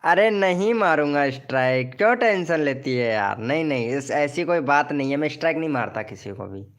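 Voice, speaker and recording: A man's voice: on the high side, animated, a little fast, fairly bright tone. A man hosting a casual live stream who promotes viewers' channels, teases them jokingly and calls each of them by name.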